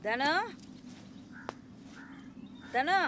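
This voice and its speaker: An actress playing a middle-aged mother who wails and pleads while a wedding is being planned in a film scene. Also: drawn-out words. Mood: worried. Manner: wailing, pleading. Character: anguished mother planning her child's wedding. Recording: film soundtrack, loud score behind.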